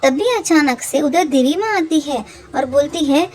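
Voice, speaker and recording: A woman narrating a cartoon fable in a plain, steady storytelling way. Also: high-pitched, unhurried.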